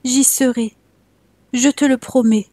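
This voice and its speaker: A woman's voice: high voice, steady tone, slow pace, warm tone, no echo, voice pushed up. A woman voicing a tender, anguished mother in a storybook tale.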